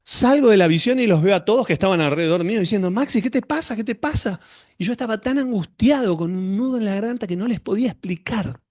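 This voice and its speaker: Male pastor, higher-set voice, dry close sound, conversational testimony. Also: fast, few pauses, a little mellow, no echo. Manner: conversational storytelling, addresses the congregation directly. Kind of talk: sermon with a personal testimony.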